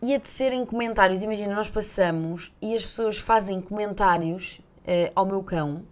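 A woman's voice: medium pitch, normal speed. A woman with a European Portuguese accent, hosting a podcast and telling a rambling, chatty story that corrects itself as she goes. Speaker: podcast host. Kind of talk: casual chat.

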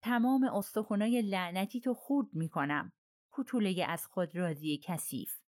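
A woman's voice: high voice, animated, mellow, no room sound, clean studio sound, pitched above the performer's own voice. A woman voicing an angry, blustering middle-aged British colonel in an audiobook.

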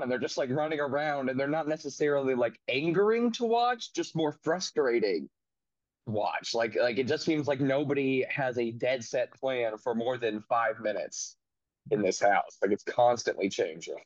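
A man's voice: mid-range voice, dry recording, lo-fi sound. A man co-hosting a reality TV podcast, talking in an easygoing, rambling way. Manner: easygoing, lots of "like" fillers. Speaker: podcast co-host. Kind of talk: casual podcast chat.

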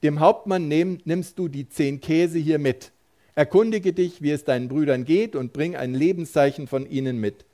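Brief: man as an old father, calm and instructive. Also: a little high, moderate pace, natural voice. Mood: instructing. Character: old father sending his son on errand.

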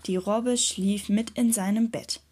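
A woman reading a children's adventure story aloud in a gentle storytelling manner. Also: mid-range voice, steady tone, measured pace, husky.

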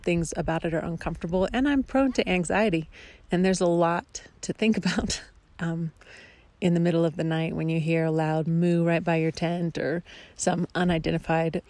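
A woman's voice: on the low side, steady tone, normal speed, a little mellow, no room sound. A woman talking casually to a vlog audience in a reflective, hesitant way. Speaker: family camping vlogger.

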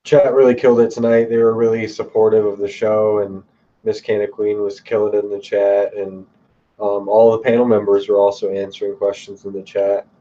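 A man with a lowish, dark, evenly pitched voice hosts a casual livestream panel. He sounds a little far from the mic. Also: flat delivery, a little fast. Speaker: livestream host. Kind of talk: casual hosting chat. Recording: dull livestream audio, distant from mic.

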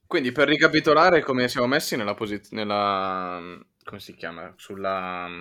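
A man with a slightly low voice takes part in a sports podcast. He speaks in a casual, conversational debating style. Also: steady tone, normal speed, sharp tone. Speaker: basketball podcast panelist.

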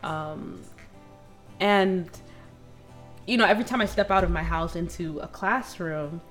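Laughing young American woman host. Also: on the low side. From United States. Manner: laughs often, chatty and playful. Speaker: podcast host. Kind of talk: casual chat.

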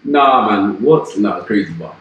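A man's voice: on the low side, lively intonation, moderate pace, far from the mic, muffled recording. A young man from Manchester with a Mancunian accent, co-hosting a podcast with incredulous, slangy banter. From Manchester, England. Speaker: podcast co-host. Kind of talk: casual chat. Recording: echoey room with faint noise.

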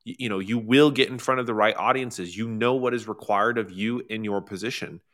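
A man with a bright, forceful voice pitched somewhat low, co-hosting a live sales webinar. He talks casually and with enthusiasm, chiming in with quick agreements. He sits close to the mic. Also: steady tone. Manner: enthusiastic, frequent affirming interjections. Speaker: workshop co-host.

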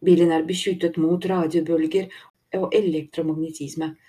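A deep-voiced, utterly calm man who sounds bored by his captives, as a woman reads him. The voice drops low and stays flat and unhurried, with a dark, husky color. He sighs more than he argues in this storybook voice.

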